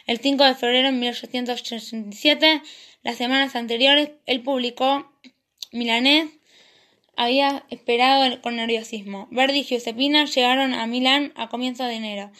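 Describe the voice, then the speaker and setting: A woman with a high voice hosts a podcast and reads a history narration aloud. Her delivery is steady and measured, the calm pace of someone reading a prepared script. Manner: steady reading with a warm sign-off. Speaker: podcast host.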